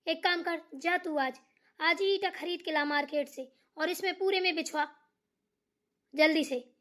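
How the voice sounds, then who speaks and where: A woman voicing an aging village mother who is bossy and short-tempered, yelling shrilly and muttering to herself. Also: very high-pitched, measured pace. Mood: scolding. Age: older. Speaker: cartoon character voice. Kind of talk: cartoon voice acting.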